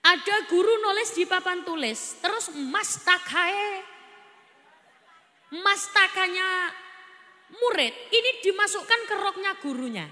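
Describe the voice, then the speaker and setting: A woman preaching a lively sermon, playfully teasing her audience and acting out children and parents. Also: very high voice, takes it slowly, big-room sound.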